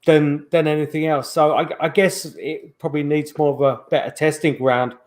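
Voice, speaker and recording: A man's voice: on the high side, little pitch movement, normal speed. A middle-aged man, a guest paranormal investigator, telling stories in a rambling way, full of restarts and fillers, over a video call. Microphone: video call microphone.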